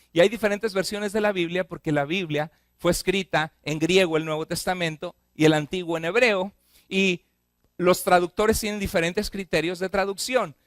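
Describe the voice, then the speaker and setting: A male pastor preaches to his church in a fairly high voice. He keeps turning to the congregation with questions, rushing through lists and then slowing to press a point home. The sound is dry and close, with little room echo. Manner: asks the congregation frequent questions; speeds up on repeated lists, slows for emphasis. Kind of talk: sermon.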